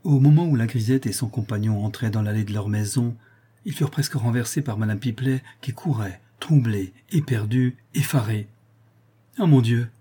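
Male audiobook reader, husky and mellow, measured storyteller for a classic novel. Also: mid-range voice. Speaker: audiobook narrator. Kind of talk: scripted narration of a classic novel.

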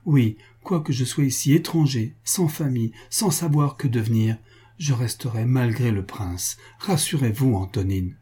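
A despairing young nobleman pleads in a broken, sobbing voice, as a male narrator of a storybook reads him. The tone is low and mellow, with a husky grain. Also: moderate pace. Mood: vowing.

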